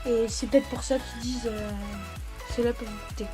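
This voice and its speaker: A woman hosting a step-by-step phone app tutorial, talking in a halting way and often correcting herself mid-sentence. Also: a little high, fairly even intonation. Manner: halting, self-correcting delivery. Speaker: tech tutorial host. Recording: background music under the voice. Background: music.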